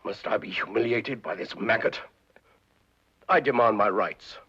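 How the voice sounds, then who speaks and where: A grandiloquent devil, husky and low. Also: male voice, expressive, moderate pace. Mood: indignant. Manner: grand, theatrical, pleading. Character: suave scheming male devil, ruler of hell. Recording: dull 1940s film soundtrack.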